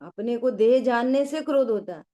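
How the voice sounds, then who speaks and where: A middle-aged woman leads a scripture class, weaving a homely parable and stopping often to ask her listeners questions. Her voice sits a little high yet sounds dark and mellow. She acts out the people in her story as she goes. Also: normal speed. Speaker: scripture teacher. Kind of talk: religious discourse.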